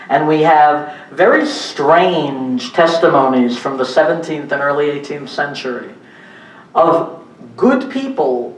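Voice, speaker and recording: A man's voice: on the high side, distant mic. A man giving a public lecture to an audience in a room, speaking emphatically and asking the audience rhetorical questions. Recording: echoey room recorded from afar, faint noise.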